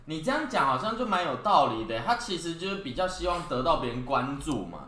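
A man's voice: fairly high pitch, sing-song, fast talker, bright, forceful tone, echoey room. A man co-hosting a casual podcast chat, teasing and laughing often. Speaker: podcast co-host.

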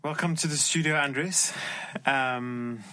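A man speaking informally and a little haltingly as a podcast host and interviewer. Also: medium pitch, sharp tone, no room sound, soft background music, rough recording. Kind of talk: casual podcast talk. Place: podcast studio.

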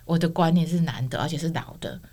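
Speaking quickly in a deep voice, a middle-aged woman shares her personal testimony as a guest. She tells it expressively and performs the lines of the people she quotes.

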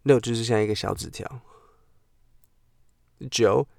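A man teaching English pronunciation on a podcast, playful and repeating words slowly for drilling. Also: medium pitch, vocal fry, darkish tone, no echo, studio quality. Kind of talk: podcast lesson. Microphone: podcast mic.

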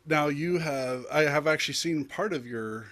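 A man's voice: a little high, moderate pace, fairly bright tone. A man hosting a casual chat, teasing his guest with jokes. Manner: joking, teasing. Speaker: podcast host.

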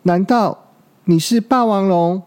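Man doing a small boy dinosaur, high and pleading, with a gravelly edge; storybook. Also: expressive, unhurried, warm tone, exaggerated voice. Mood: alarmed. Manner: pleading, insistent. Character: frightened little boy dinosaur, earnest, stubborn.

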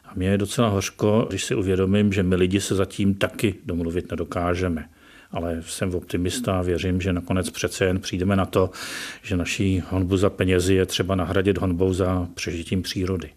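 Deep-voiced professor, hesitant and measured. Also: male voice, flat delivery, darkish tone. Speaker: professor, interview guest. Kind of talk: radio interview, opinionated explanation.

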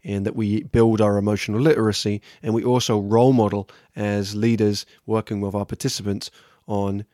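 A man's voice: on the low side, a little mellow, no room sound, studio quality. A man from England with an English accent, talking casually and candidly as a solo podcast host reflecting on his work. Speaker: podcast host, workshop trainer.

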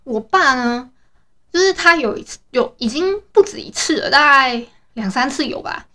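A woman's voice: high voice, animated, normal speed, pushed and bright. A young woman with a Taiwanese Mandarin accent chatting casually in a rambling diary style, with many restarts and fillers. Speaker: podcast host.

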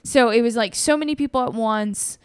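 A woman's voice: a little high, fairly quick, clean tone, no echo, clean studio sound. A woman co-hosting a podcast, telling a story in a rambling, chatty way and often correcting herself. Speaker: podcast co-host. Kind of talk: casual storytelling chat.

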